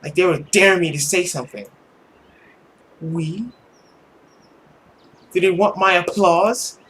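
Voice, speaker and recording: A man voices a bitter, haughty, sarcastic girl from a genteel household in a visual novel, pitching his voice above his natural one. It sits high and a bit bright, at a measured pace. The delivery is sardonic and theatrical, with a little hiss or hum in the background.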